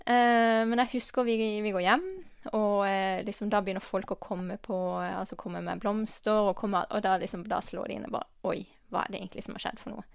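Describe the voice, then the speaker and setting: Gravelly-voiced woman sharing a testimony. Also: medium pitch, steady tone, dry recording, clean studio sound. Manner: halting, many pauses and restarts, quietly earnest; drops to a soft whisper at tender moments. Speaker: person sharing a faith testimony. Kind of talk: personal testimony, spoken from memory.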